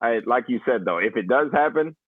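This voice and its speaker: A man's voice: medium pitch, lively intonation, brisk, breathy edge, no room sound. A man with an American accent chatting casually as a panelist on a sports show, heard through thin audio. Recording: thin, phone-like band-limited audio.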